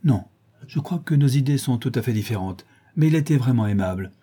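A man's voice: mid-range voice, expressive, a little fast, warm tone, breathy edge. A man voicing a flighty, chattering aristocratic lady who flits from one idea to the next, in an audiobook reading. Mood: gushing. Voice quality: chattering, breathless flitting from idea to idea.

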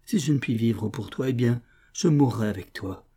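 A man's voice: mid-range voice, normal speed, warm tone, breathy edge. A man voicing a proud young woman rebel commander, fierce and commanding, then tearful. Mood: anguished.

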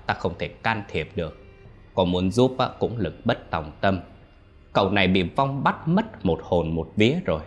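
A man voicing a grave old spirit master. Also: fairly low pitch. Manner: solemn, lecturing. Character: stern older male spirit master, grave.

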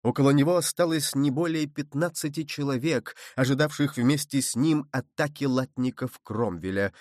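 A man narrates an adventure novel as an audiobook, steady and dramatic. His voice sits at a middling pitch. The recording is close and dry. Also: moderate pace, no echo.

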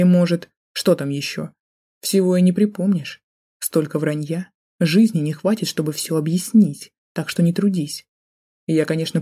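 A woman's voice: low voice, warm tone, slightly rough. A woman reading an audiobook, voicing a jealous, drunk man who holds a gun and taunts with sneering threats.

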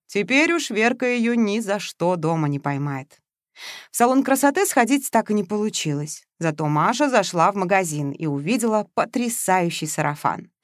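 A woman's voice: medium pitch, no room sound. Woman narrating a novel, dry and close. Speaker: audiobook narrator. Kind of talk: scripted narration.

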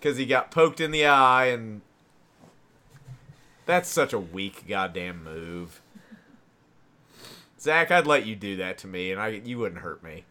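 A man with a Boston accent gives loose, profane commentary as a podcast co-host. His voice is bright and forward, and he breaks into laughter often. His delivery stays excitable. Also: fairly low pitch, slow pace, long pauses. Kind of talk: casual commentary while watching wrestling.

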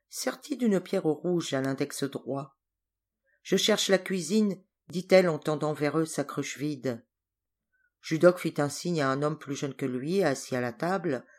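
A woman narrating a story for an audiobook in a measured, clear reading voice. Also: sits low, darkish tone. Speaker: audiobook reader. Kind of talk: scripted narration.

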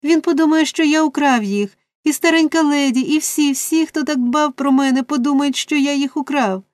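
A woman's voice: high-pitched, normal speed, darkish tone, no echo, clean studio sound, voice pushed up, lightly acted. A woman voicing a frightened young orphan boy who pleads desperately. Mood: desperate pleading. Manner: pleading, tearful.

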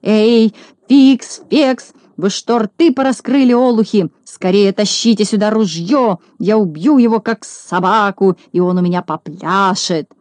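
A woman voicing a furious bald male shorty landowner, shouting and screeching threats. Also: mid-range voice, moderate pace, dry recording, close to an everyday voice. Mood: shrill rage.

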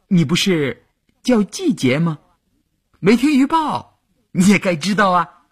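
A man's voice: sits high, big pitch swings, measured pace, husky, voice pushed up, exaggerated voice. A man voicing a teenage girl soldier who teases a friend and then pleads, in a raised voice for an audiobook. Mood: teasing. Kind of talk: audiobook character voice.

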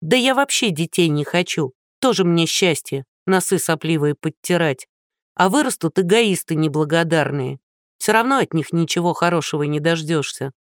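A woman's voice: low-pitched, expressive, normal speed, no echo, studio quality. A narrator voicing a haughty, short-tempered actress in her thirties who talks down sharply. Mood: nervous. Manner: sharp, condescending.

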